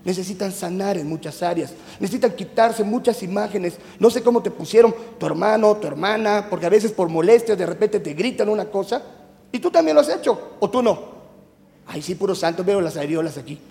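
A man with a Mexican Spanish accent gives a youth sermon, chatty and teasing and firing questions at the crowd. His voice sits high with a gravelly edge. The long reverb of a church hall trails every phrase. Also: expressive, fairly quick, dark tone. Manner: chatty, teasing, quizzes the audience. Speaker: youth preacher. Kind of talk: youth sermon to a live congregation.

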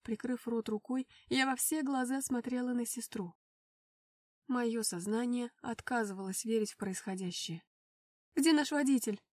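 Woman narrating a romance novel, slightly high voice. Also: steady tone, normal speed, no echo, recorded from a distance. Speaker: audiobook narrator.

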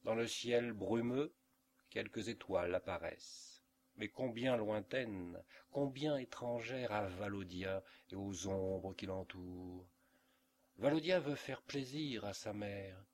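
A man reading a literary story aloud as an audiobook narrator, in a measured, expressive way. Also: lowish voice, slight background noise. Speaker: audiobook reader. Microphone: home recording for an audiobook.

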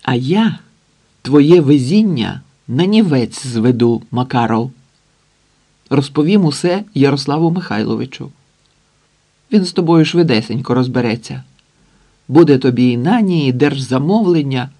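A man voicing a jealous, nerdy young man who shouts in a shrill falsetto. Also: animated, normal speed. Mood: spiteful threat.

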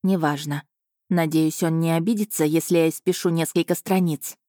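A woman reading an audiobook in the first person, in a measured and even storytelling voice. Her pitch sits a little low, and the recording is dry and close. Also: no echo. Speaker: audiobook narrator.

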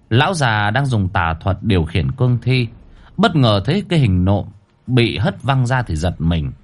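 A man narrating a horror story dramatically. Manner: animated, swinging pitch for drama.

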